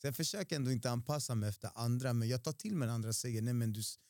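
Mellow-voiced reflective man. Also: mid-range voice, no echo, clean studio sound. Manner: reflective, acts out quotes, hesitant restarts. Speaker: guest, preacher. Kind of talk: casual interview chat.

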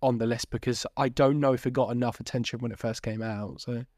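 A man's voice: mid-range voice, fairly even intonation, quick pace, a little mellow, no echo. Male podcast co-host in a dry recording. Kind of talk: casual film chat.

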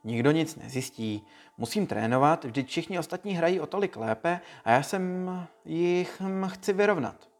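Man doing a stubborn rabbi in a joke, bit higher than usual, faint music behind. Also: expressive. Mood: defiant. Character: stubborn golf-loving middle-aged rabbi.

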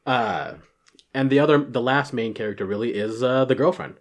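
A man's voice: medium pitch, moderate pace. Man, casual chat, rambling, stumbles on words, office recording. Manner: rambling, stumbles over words, laughs at own slips.

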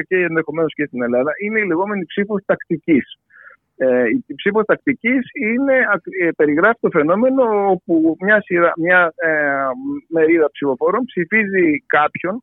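Male analyst from Greece, slightly high-voiced, hesitant interview delivery, thin telephone sound. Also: dry recording. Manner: halting, searching for words. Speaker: pollster and election analyst giving an interview. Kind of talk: spontaneous political analysis in an interview. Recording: tinny, band-limited phone line.

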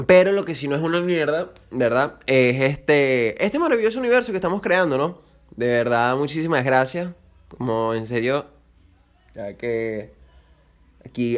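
Rambling man hosting a podcast. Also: medium pitch. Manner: rambling, crude and joking, with self-interruptions. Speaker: podcast host. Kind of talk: casual solo podcast chat.

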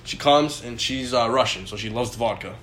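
A man's voice: mid-range voice, brisk, fairly bright tone, echoey room. A man telling crude, laughing stories in a casual podcast chat. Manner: laughing, storytelling, profane. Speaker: podcast co-host.

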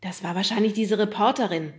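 A woman reading an audiobook, voicing an eager, scheming boy who talks quickly. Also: mid-range voice, a little mellow, lightly acted.

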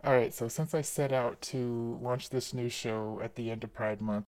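A woman hosting a podcast, her plain announcing voice pushed by a faulty microphone into an extremely deep, demonic tone. It sounds warped and unnatural, like a glitch in the recording. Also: steady tone, moderate pace, darkish tone, poor audio. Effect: faulty mic making her voice sound deep and demonic. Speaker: podcast host. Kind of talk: casual podcast intro.

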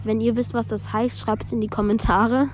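A woman vlogger reading a group chat aloud in a casual way, with quick asides between the messages. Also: a little high, little pitch movement, a little mellow, slight background noise.

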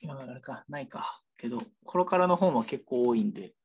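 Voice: mid-range voice, fairly quick, slight background noise. A bookshop staffer chatting casually while showing shelves, rambling with many fillers. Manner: animated, rambling, full of fillers. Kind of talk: casual chat.

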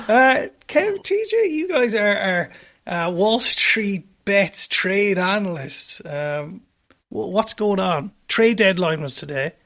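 A man's voice: sits high, big pitch swings, a bit bright. A man hosting a sports podcast in a jokey, rambling casual chat. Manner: jokey, rambling, quick intros. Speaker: podcast host.

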